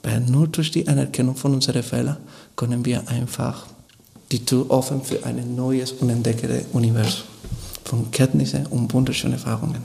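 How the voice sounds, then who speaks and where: A man gives a radio interview in German, his language being Spanish. His voice has a gravelly, creaky edge at a middle pitch. He pauses and restarts often as he searches for words. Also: flat delivery, darkish tone, a little hiss or hum. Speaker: guest, Spanish course teacher.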